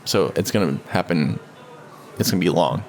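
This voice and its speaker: A man co-hosting a relaxed podcast conversation, rambling and restarting his thoughts as he talks. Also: moderate pace. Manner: rambling, with many restarts, briefly mimics others in a high voice. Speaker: podcast co-host. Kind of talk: casual conversation. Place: home studio.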